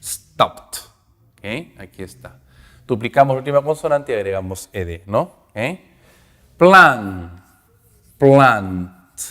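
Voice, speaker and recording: A man teaching English grammar, at an ordinary middle pitch. He explains step by step and keeps checking in with "ok?". His voice has a long reverb, as if recorded in a hall. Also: animated, bright, forceful tone. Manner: explains slowly, checking with "ok?" after each point.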